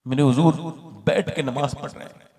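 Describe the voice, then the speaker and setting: A man preaching an impassioned sermon, dropping to hushed tones and then rising to shouts. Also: mid-range voice, fairly even intonation, normal speed. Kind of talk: religious sermon.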